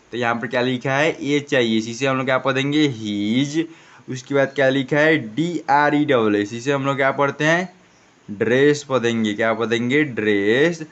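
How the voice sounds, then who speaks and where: A man's voice: medium pitch, fairly bright tone, highs cut off. A man teaching an English reading lesson, spelling out each word letter by letter and answering his own questions. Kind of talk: classroom lesson.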